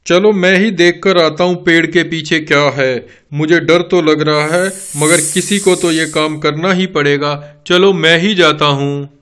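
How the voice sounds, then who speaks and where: A man's voice: a little high, fairly even intonation, unhurried, few pauses, a bit bright, smooth. A man playing a jumpy village father. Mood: nervous bluster. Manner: scolding yet scared. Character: timid village father, blustering.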